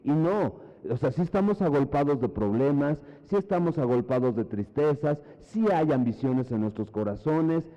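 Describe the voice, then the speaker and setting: A man's voice: a little high, lively intonation, moderate pace, hardly any pauses, dark tone. A man preaching a sermon, emphatic and repetitive, often asking the congregation if they follow him. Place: church hall. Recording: muffled church hall reverb.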